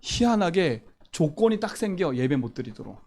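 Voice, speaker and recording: A man delivers a sermon in a church. His voice sits high and leaps up and down in pitch. He hammers key phrases and keeps asking the listeners questions. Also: big pitch swings, normal speed, darkish tone. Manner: emphatic, repeats key phrases, asks the congregation questions. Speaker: pastor.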